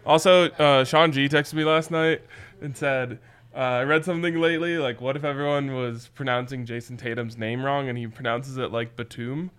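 An American man with a bright, sharp voice of ordinary male pitch. He talks casual sports like a show host, slangy, blunt and joking. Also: fairly even intonation, moderate pace, clear, resonant tone.

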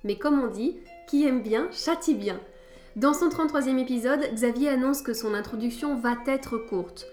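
A woman's voice: high-pitched, normal speed, darkish tone, soft background music. A woman hosting a scripted podcast lesson, with a wry, playful teacher's tone. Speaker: podcast host.

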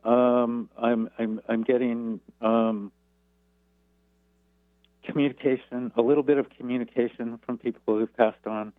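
A man's voice: medium pitch, little pitch movement, no room sound. Hesitant male radio show caller on phone. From Seattle area. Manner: halting, hesitant, many fillers. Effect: phone call heard on a radio show. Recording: tinny phone line.

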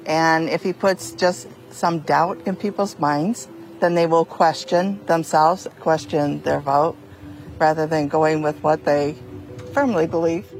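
A woman's voice: low voice, fairly even intonation, takes it slowly, faint music behind, low-quality recording. A woman giving a spontaneous, considered answer in an interview.

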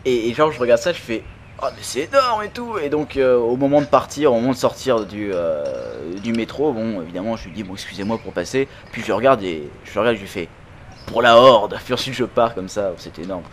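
A man's voice: mid-range voice, fast, few pauses, a little hiss or hum. Chatty man hosting a gaming podcast. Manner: chatty, laughing, rambling anecdotes. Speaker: podcast host. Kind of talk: casual chat.

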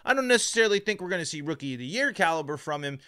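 A man delivers sports commentary as a podcast host, with a mouth still numb from the dentist. His voice sits a little high and has a bright, forceful edge. He speaks emphatically, tripping on and repeating words as he goes. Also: very animated, very fast. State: mouth numb from dental work.

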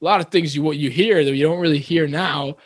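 A young man co-hosting a casual sports podcast, talking in an excitable, rambling, jokey way. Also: on the high side, fast talker, slightly rough, no echo, clean studio sound. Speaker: podcast co-host. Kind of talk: casual chat.

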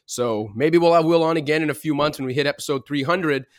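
A man's voice: a little high, fast talker, dry recording, clean studio sound. A man hosting a casual sports podcast, talking energetically in long stat-heavy runs. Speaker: podcast host.

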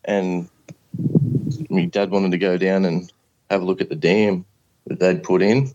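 A man's voice: low-pitched, fairly even intonation, unhurried, a little mellow, dull audio. An Australian man in his thirties telling a story casually, in the plain, colloquial way of a laid-back working bloke. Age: 30s. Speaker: podcast guest. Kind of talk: casual first-person storytelling.

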